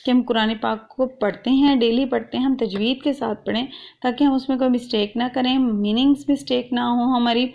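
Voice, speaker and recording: Woman teacher for an online lesson; raised pitch with some vocal fry, patient, stretches out syllables, dull lo-fi sound. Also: fairly even intonation. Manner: explains patiently, drawing out letters and syllables; mixes English words into her speech. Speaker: Quran tajweed teacher.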